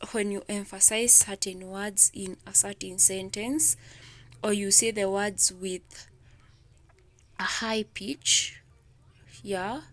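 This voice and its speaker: A young woman teacher, giving an exam revision lesson and explaining slowly and deliberately, stretching out the example words. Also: mid-range voice. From Kenya.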